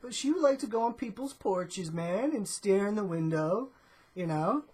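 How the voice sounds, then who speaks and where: Breathy, drawling laid-back woman. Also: mid-range voice, expressive, moderate pace, darkish tone. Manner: drawling stoner-dude talk, ends phrases with "man"; rambling, full of "you know" and "uh". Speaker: vlogger. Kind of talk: laid-back comedic vlog monologue.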